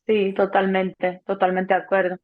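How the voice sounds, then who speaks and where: A Mexican woman in her thirties, a doula, telling a birth story in a relaxed chat, acting out the voices of the people in it and swearing casually. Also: mid-range voice, normal speed. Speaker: doula, co-host. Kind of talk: casual conversation. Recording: dull lo-fi sound.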